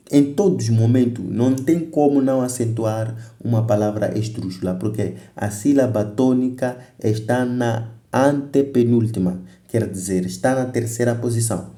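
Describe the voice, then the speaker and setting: A man's voice: medium pitch, moderate pace, mellow, echoey room. A man teaching a grammar lesson for exam preparation, explaining step by step, repeating examples and correcting himself as he goes. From Mozambique.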